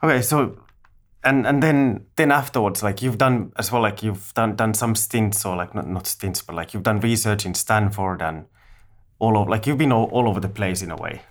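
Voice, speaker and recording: A man hosts a podcast in a somewhat low voice. He talks casually and loosely, and his questions ramble with plenty of "um"s and "like"s. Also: normal speed. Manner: casual, rambling, filler-heavy. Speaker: podcast host. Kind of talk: podcast interview.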